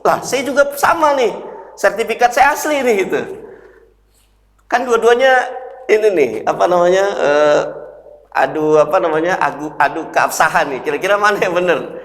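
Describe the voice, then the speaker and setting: A male preacher giving a sermon, telling a story lively and acting out phone calls. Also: on the high side. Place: prayer hall. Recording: echoey reverberant prayer hall.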